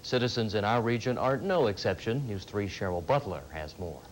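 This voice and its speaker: A man's voice: on the low side, expressive, a little fast, a little hiss or hum, rough recording. A man anchoring a local television newscast, reading scripted news.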